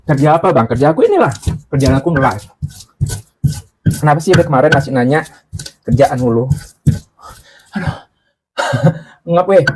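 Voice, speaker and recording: A man's voice: fairly high pitch, very animated, moderate pace, pauses often, darkish tone. A man hosting a casual cooking live stream from a boarding-house room, chatty and joking as he answers viewers' comments, a little out of breath from grinding spices. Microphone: clip-on mic.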